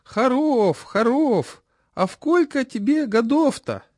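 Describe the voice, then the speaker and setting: A man's voice: very high-pitched, animated, darkish tone, dry recording, clean studio sound, voice pushed up, exaggerated voice. A senile, lisping old chairman. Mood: approving. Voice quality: lisping, mumbling. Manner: slow, drawling.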